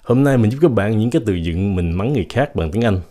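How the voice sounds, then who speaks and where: Male English teacher, lively, low voice, breaks down pronunciation slowly. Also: faint music behind. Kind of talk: language lesson.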